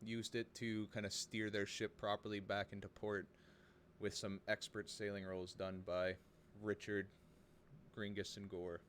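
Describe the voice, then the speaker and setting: A man with a fairly low voice runs a tabletop game, narrating off the cuff in a hesitant, informal way. He is on a home voice chat with some faint background noise. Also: little pitch movement, measured pace, fairly bright tone. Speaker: game master. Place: home, over online voice chat.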